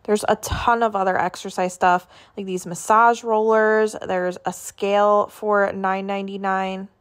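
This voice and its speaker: A woman's voice: medium pitch, little pitch movement, unhurried. A woman vlogging a casual walk through a grocery store, chatting about products and prices as she films on her phone. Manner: chatty, listing items and prices. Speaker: shopping vlogger.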